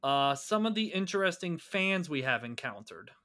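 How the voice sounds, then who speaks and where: A man chats on a podcast, his voice bright and forward. His pitch swings widely as he talks. He swears freely and boasts about what he knows. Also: normal speed. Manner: animated, swearing, boastful wrestling trivia. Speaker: podcast co-host. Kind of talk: casual chat.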